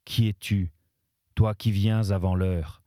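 Weeping damned man, read by a man: low, dark, mournful. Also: steady tone, slow, no room sound, clean studio sound. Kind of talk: audiobook-style literary reading.

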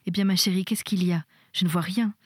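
A woman reading a storybook voices a calm, motherly nursing sister who speaks gently and soothingly. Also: lowish voice, quick pace, slightly rough, dry recording, studio quality. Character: calm motherly nurse nun, gentle and patient.

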